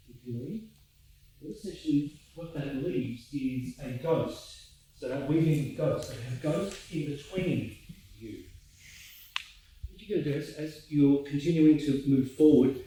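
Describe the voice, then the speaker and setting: Man, drama teacher, calm guiding instructions, mellow voice, far off in echoey studio. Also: mid-range voice. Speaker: drama workshop leader. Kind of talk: instructing a movement class.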